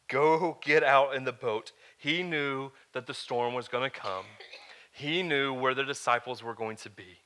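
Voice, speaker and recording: Bright-voiced male pastor preaching. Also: medium pitch. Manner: conversational preaching with joking asides, swinging from hushed to loud. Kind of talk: sermon to a live congregation.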